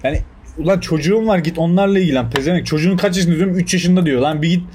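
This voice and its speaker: A man's voice: fairly high pitch, racing, darkish tone, a little hiss or hum. A young man chatting casually as a podcast co-host, swearing freely and acting out the voices in his stories. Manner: swearing, acts out quoted voices. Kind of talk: casual chat, storytelling.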